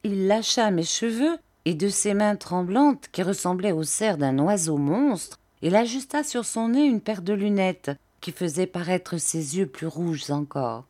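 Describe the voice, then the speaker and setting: Slow, measured woman narrator. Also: on the low side, lively intonation, warm tone. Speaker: audiobook reader. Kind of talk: audiobook narration.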